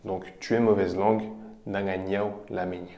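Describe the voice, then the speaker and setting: A man teaching vocabulary, explaining each example patiently and repeating phrases slowly. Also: low-pitched, little pitch movement, background noise. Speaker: language teacher. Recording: roomy echo.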